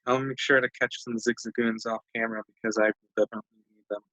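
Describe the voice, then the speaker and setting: A man's voice: medium pitch, flat delivery, fast, a bit bright, no echo. A man giving rambling, self-mocking casual commentary while playing a video game. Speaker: let's play commentator. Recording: dull lo-fi dry mic.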